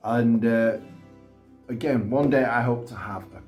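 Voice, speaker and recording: A man's voice: mid-range voice, unhurried, muffled recording, soft background music. A man hosting a casual gaming video, chatting in a rambling, self-deprecating way. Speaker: gaming YouTuber host. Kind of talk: casual chat. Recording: roomy echo.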